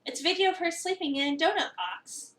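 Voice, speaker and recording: Performing a game script dramatically, a streamer voices visual novel lines and breaks off for casual chat. Her voice is extremely high, very animated, fast and a bit bright. The mic is distant and the room echoes.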